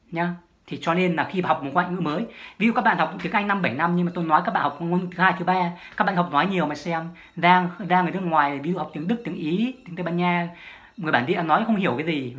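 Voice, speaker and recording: A woman's voice: fairly low pitch, quick pace, fairly bright tone. A woman, a language-learning vlogger giving a solo advice monologue, emphatic and repeating her key points.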